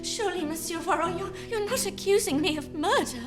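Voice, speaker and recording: A genteel whodunit suspect feigning innocence. Her voice is tiny-high, fluttering and pleading with exaggerated politeness, over music. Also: brisk. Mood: shocked pleading. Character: sweetly innocent-sounding genteel young lady suspect. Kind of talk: parody period murder-mystery sketch.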